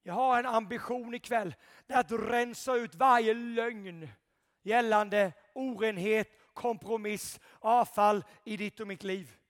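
A man preaching an impassioned revival sermon, shouting at peaks and dropping to quiet intensity. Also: high-pitched, steady tone, big-room sound.

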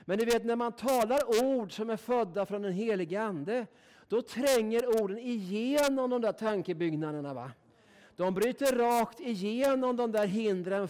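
A man from Sweden preaches a sermon in a folksy, emphatic style, constantly tagging his sentences with a questioning "va?", meaning "right?". His voice is extremely high-pitched with a darkish tone.

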